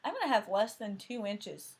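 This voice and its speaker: Very animated and a touch breathy, her medium-pitched voice runs at normal speed as she casually discusses cross-stitch on her crafting vlog. She has a thick Southern Tennessee accent and tends to ramble, with many fillers and self-corrections.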